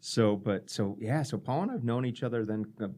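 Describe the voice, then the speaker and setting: A man's voice: mid-range voice, animated, normal speed, dark tone. A man hosting an interview in a casual way, talking hesitantly with many fillers and repeated words. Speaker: podcast host, interviewer.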